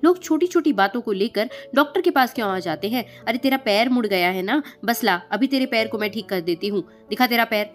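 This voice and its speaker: A woman's voice: a little high, lively intonation, a little fast, few pauses, close to an everyday voice. A woman voicing a harsh, domineering middle-aged mother-in-law who taunts and scolds. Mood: mocking. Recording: faint music behind.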